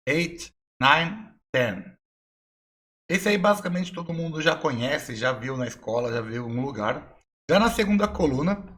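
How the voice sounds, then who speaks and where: A young adult man with a Brazilian Portuguese accent, teaching an online English lesson and explaining slowly and patiently with repeated examples. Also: a little high, a bit bright.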